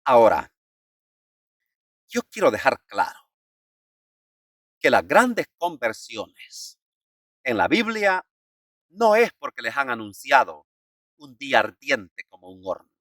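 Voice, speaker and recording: A male priest preaches with a slow, deliberate delivery and a lively voice that climbs and drops. His tone is bright and clear. The recording is dry and picks him up from a little away from the mic. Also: no room sound, distant mic. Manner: slow, emphatic preaching with wide swings in pitch and loudness. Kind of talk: sermon.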